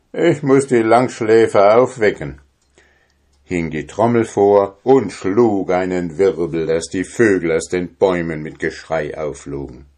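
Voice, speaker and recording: A man reading a fairy tale aloud in a measured, calm storytelling manner. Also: sits low.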